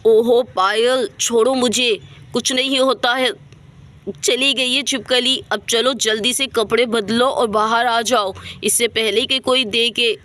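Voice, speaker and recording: A flustered young village husband, voiced by a woman narrator for a bedtime doll story. The voice stays high and bright. He scolds and frets with exasperated sighs of "oho". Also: fairly even intonation, measured pace, a little hiss or hum.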